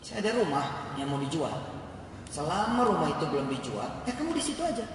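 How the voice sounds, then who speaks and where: A preacher playing a kindly rich old man, calm and generous. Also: a little high, fairly quick, a little hiss or hum. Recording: echoey hall heard from far off.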